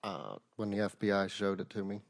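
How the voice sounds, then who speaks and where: A man's voice: fairly low pitch, a little fast, gravelly. A man testifying as a witness in a courtroom, giving brief, plain answers in a hesitant way. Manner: hesitant, terse, plain-spoken.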